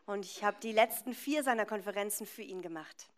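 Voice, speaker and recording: A woman's voice: mid-range voice, a little fast. A woman interpreting a preacher live, phrase by phrase, in a consecutive style.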